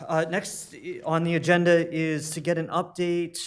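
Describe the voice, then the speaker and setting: A man's voice: a little high, level tone, moderate pace, smooth. A man chairing a city committee meeting, politely moving through the agenda with frequent ums. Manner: polite, procedural, with frequent fillers.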